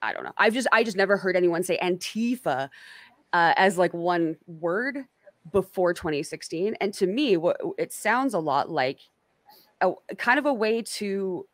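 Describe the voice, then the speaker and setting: Low-voiced woman host rambling in dry sound. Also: expressive, moderate pace, dry recording. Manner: rambling, filler-heavy, self-correcting. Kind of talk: casual online interview chat.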